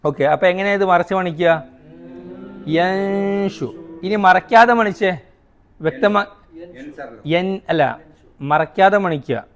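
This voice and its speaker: A man teaching a recitation class. He asks his students questions, answers them himself, and sounds out each rule slowly, repeating it. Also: high-pitched, a bit bright. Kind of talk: classroom tajweed lesson.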